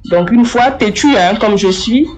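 A young woman giving a first-person spoken testimony, telling her story in a lively way and speaking straight to the listener. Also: a little high, a little slow, soft background music, low-quality recording.

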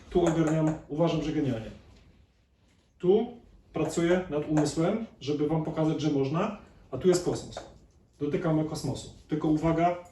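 Man lecturing in an echoey hall. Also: a little high. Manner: conversational, asks the audience questions. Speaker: chiropractor giving a lecture. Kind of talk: live lecture to an audience. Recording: echoey hall, distant mic, faint noise.

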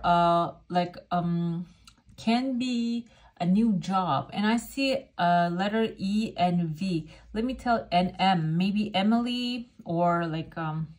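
Casting: female fortune teller, English as a second language, mid-pitched voice, informal card and cup reading addressed to the viewer. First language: not English. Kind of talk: casual coffee cup and oracle card reading to camera.

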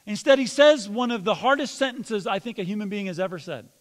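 High-voiced pastor in a reverberant church. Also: male voice, expressive, fairly quick. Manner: addresses congregation with questions and mock yelling. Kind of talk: sermon. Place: church sanctuary.

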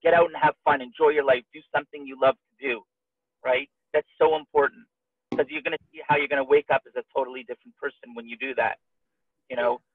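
A man co-hosting a webinar, giving an upbeat, persuasive motivational pitch and asking his listeners questions. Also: fairly even intonation, quick pace, slightly rough, no room sound. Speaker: webinar co-host. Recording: dry, tinny call audio.

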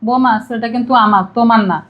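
A woman's voice: fairly high pitch, steady tone, rapid-fire, dull audio, lightly acted. A woman playing a meek elderly mother-in-law, pleading and bewildered.

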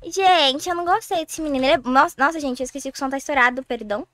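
A woman streaming a game with a friend, chatting and exclaiming loudly, her sound clipping and distorted. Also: high-pitched, very fast, dry recording. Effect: clipping, distorted loud sound. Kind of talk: casual gaming chat.

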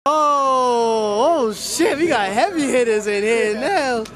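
A man's voice: extremely high pitch, lively intonation, takes it slowly. A young man in his twenties vlogging at an outdoor rooftop party, joking and hyped up. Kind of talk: casual vlog narration. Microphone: handheld camera mic. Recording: loud party music and crowd noise. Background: loud hip hop music and a party crowd.

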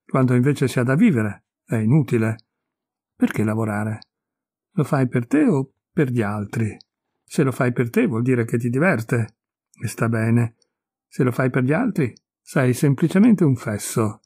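A man voicing a listless, resigned idler of thirty-three who looks old, speaking in a flat, unhurried way. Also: medium pitch, slightly rough, no room sound. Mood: indifferent.

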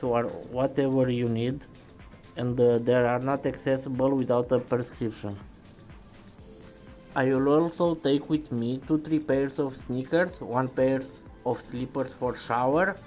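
A man, a truck driver, narrating a voice-over in a plain, steady way as he lists what he packs for the road. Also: mid-range voice, low-quality recording. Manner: plain, steady listing of items.

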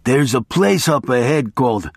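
A man voicing a manic, excitable male attorney who shouts and raves, in an audiobook reading. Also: medium pitch, moderate pace, husky, no echo, studio quality. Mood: scheming. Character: manic adult male attorney, frantic and raving.

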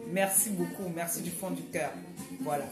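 A woman's voice: fairly low pitch, steady tone, moderate pace, roomy sound, over music. A woman speaking in a casual vlog monologue, emphatic and repetitive, often hesitating and restarting her sentences. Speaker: vlogger.

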